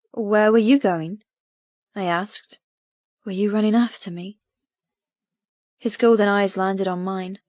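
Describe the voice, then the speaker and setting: Here a woman narrates first-person fiction for an audiobook in a mid-pitched voice, giving it a dramatic, intense reading. The audio is very dry and somewhat dull.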